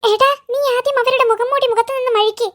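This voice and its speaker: A voice artist with a Malayali accent playing jittery, easily frightened young boys in a cartoon, chattering fast and wailing in fright. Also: very high-pitched, steady tone. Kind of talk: cartoon voice acting.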